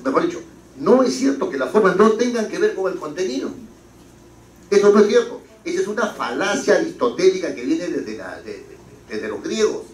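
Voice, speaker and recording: Lively male lecturer in an echoey hall. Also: high voice, normal speed, far from the mic. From Peru. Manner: lively, rhetorical questions, anecdotes. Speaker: parliamentary writing instructor. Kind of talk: classroom lecture.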